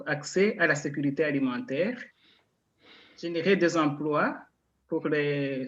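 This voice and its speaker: A woman from Rwanda, a nonprofit coordinator, giving an online presentation with frequent hesitant fillers. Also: sits low. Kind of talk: online presentation, switching to French. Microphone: video call. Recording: dull, muffled video-call audio.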